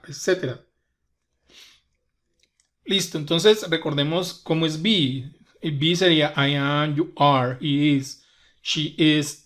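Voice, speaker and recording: A man whose first language is Spanish explains English grammar slowly, patiently repeating each example step by step. His voice is a little high and fairly bright.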